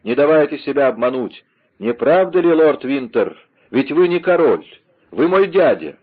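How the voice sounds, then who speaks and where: A man voicing a vengeful young male cavalry officer who shouts fiercely, read aloud for an audiobook, on a slightly dull recording. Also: a little high, very animated, moderate pace, husky, voice pushed up. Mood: fierce shouting.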